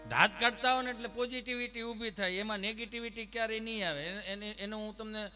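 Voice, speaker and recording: A man telling comic folk stories to a live audience, full of lively anecdotes, acted dialogue and rhetorical asides. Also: high voice, fast, soft background music. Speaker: comic storyteller. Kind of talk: Gujarati folk humor storytelling to a live audience. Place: stage at an ashram program.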